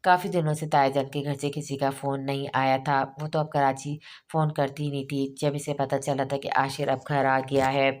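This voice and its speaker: Brief: woman, audiobook narrator, very deep voice, monotone, reads every character herself. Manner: reads all characters in her own voice with small slips and restarts. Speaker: novel reader. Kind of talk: audiobook narration of a romance novel.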